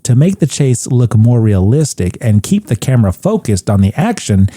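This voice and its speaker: Mellow, animated male podcast host. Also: mid-range voice, normal speed. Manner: animated, swearing, joking. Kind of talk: casual film recap chat.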